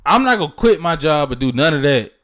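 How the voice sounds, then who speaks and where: A young man talks in a loose, casual podcast chat. His voice sits a little high for a man. He stays emphatic and teasing, and keeps circling back to the same catchphrases. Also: very animated, fast, fairly bright tone. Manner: repeats "relax" and "you feel me", emphatic and teasing. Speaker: podcast co-host.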